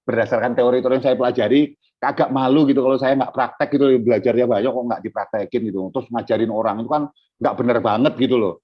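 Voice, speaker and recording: Man guest speaker on a video call, husky and conversational, dull muffled sound. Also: medium pitch, quick pace. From Indonesia. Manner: explains in a relaxed, conversational way, acting out what a parent says to a child. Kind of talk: casual parenting talk over video call.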